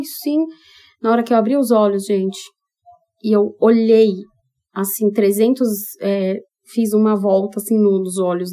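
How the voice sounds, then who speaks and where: A Brazilian woman hosts a podcast and tells a personal story in a candid, expressive monologue. She talks straight to her listeners. Her voice sits a little high and has a warm, mellow tone. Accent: Brazilian Portuguese. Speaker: podcast host.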